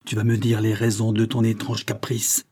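A man's voice: fairly low pitch, monotone, normal speed, darkish tone, husky. A man reading aloud and voicing an angry, impatient older male schemer who speaks harshly and curtly. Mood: furious.

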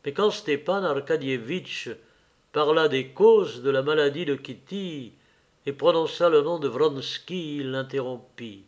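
A man reading a classic novel aloud in a measured, literary narration. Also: on the high side. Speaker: audiobook reader.

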